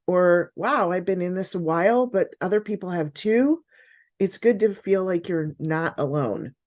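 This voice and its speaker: A woman's voice: medium pitch, mellow. A woman in her fifties, a business coach hosting an online workshop on a video call, upbeat and encouraging. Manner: upbeat, encouraging, frequent praise.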